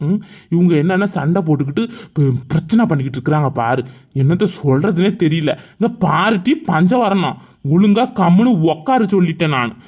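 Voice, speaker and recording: A man voicing an exasperated traveller who grumbles and orders quarrelling women to be quiet in a cartoon. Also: on the high side, lively intonation, fairly quick. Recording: thin phone-like recording.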